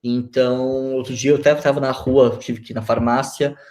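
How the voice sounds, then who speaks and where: A man's voice: medium pitch, level tone, normal speed, a little mellow. A Brazilian man in his forties, a guest on a video-call interview, talking reflectively with many fillers and restarts. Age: 40s.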